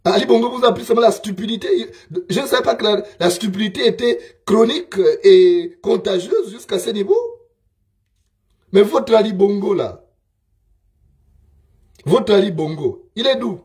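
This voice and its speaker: A man speaks in a high voice. He delivers a scornful political monologue and hammers his points home by repeating them. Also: animated, moderate pace, darkish tone. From Gabon. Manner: scornful, emphatic, repeats himself.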